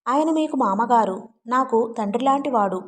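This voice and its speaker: A woman voicing a calm, steady grown man, speaking in a measured, firm way as she reads a story aloud. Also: on the high side, close to an everyday voice. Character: man, calm steady family elder brother.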